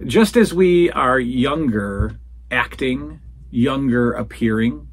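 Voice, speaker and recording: A man in his forties hosts a solo podcast from a home den full of retro toys and posters, answering listener questions and calling them folks. His mid-range voice is animated but slow, and he talks casually and rambles.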